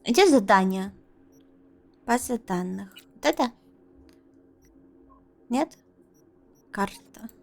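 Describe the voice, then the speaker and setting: A woman's voice: mid-range voice, lively intonation, very slow, vocal fry, pauses often. A young woman casually commenting on a game she is streaming, playful and crude, muttering to herself. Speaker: streamer playing a video game.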